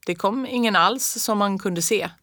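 A woman doing a playful aunt speaking hushed. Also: mid-range voice, no room sound, clean studio sound, voice pushed up, lightly acted. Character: warm young aunt, playful and hushing.

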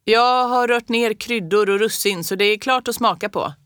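A woman's voice: a little high, a bit bright, no echo, clean studio sound, voice pushed up, lightly acted. A woman reading the part of a hearty older man who calls out across the house. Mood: jovial.

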